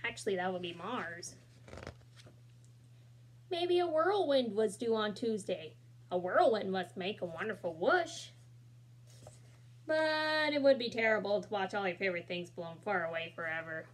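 In a small room, a young woman's mid-range voice carries a children's picture book reading, lively and sprinkled with casual remarks. She keeps a measured pace with long pauses, and a laptop camera records her.

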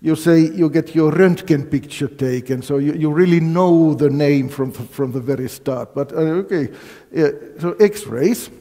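Older male lecturer from Finland, mellow voice, quizzing the audience with many fillers, reverberant lecture hall. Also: a little high, a little slow. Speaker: physics lecturer. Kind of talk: university colloquium lecture.

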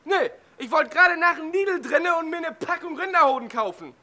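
A man putting on a fussy, pedantic man on the phone, prim and overly polite in a high, bright voice. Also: moderate pace. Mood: exasperated.

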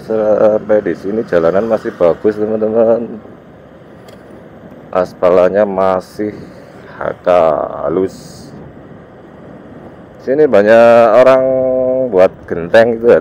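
Riding his motorbike on village roads, a male motovlogger with an East Javanese accent and a cold-congested voice speaks very deep and mellow, taking it slowly with long pauses. His informal commentary comes in short, loose phrases to viewers, and the outdoor recording is dull and muffled, with faint vehicle and road noise.

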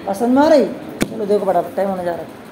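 A woman teaching a classroom grammar lesson, constantly posing quick questions to her students and answering them herself. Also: mid-range voice, expressive, noisy background. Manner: addresses students as "beta". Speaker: religious teacher.

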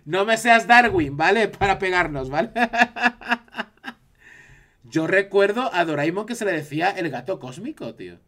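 A man's voice: high-pitched, moderate pace. Chatty Spanish man streaming. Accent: Spanish from Spain. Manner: chatty, animated, reacting to chat. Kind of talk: casual live-stream chat.

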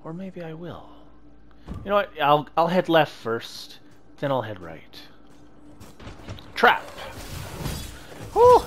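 Man, let's-play commentator, slow delivery, lively swings in pitch, reacts out loud. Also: a little hiss or hum. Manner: reactive, talks to himself and the enemies. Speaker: gameplay commentator.

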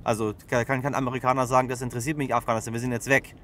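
A man's voice: mid-range voice, flat delivery, racing, a bit bright, a little hiss or hum. A man in his forties, a host driving a car and talking earnestly with his guest in a casual interview. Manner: earnest, talks while driving. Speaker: host and driver. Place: driver's seat of a car, city street.

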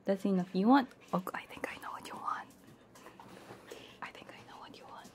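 This livestreamer, an ASMR VTuber, talks at medium pitch and a little fast. She's casual and playful, giggling and often whispering as she coos fondly to her pet dogs. Her binaural 3Dio ASMR mic picks up faint background noise during the live stream.

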